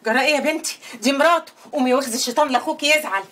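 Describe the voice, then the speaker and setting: A woman's voice: high-pitched, rapid-fire, a bit bright. An actress playing a coaxing middle-aged mother in a poor neighborhood, speaking with an Egyptian accent. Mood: fussing. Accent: Egyptian Arabic. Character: caring Egyptian working-class mother, coaxing and fussing. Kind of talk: TV drama acting. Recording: TV soundtrack with music underneath.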